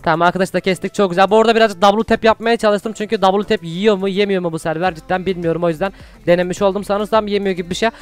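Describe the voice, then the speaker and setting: A young man with a high, quick voice commentates his gameplay. He keeps chatting to his viewers between moves and bursts into loud shouts whenever a fight starts. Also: fairly even intonation, smooth, soft background music. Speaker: gaming YouTuber.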